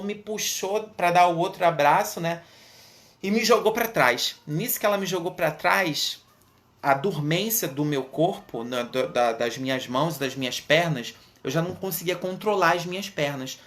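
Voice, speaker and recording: A man's voice: fairly high pitch, fairly bright tone. A man in his thirties with a Brazilian Portuguese accent, an Umbanda medium earnestly telling his own story on a livestream. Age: 30s. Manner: earnest, unhurried, frequent tag questions.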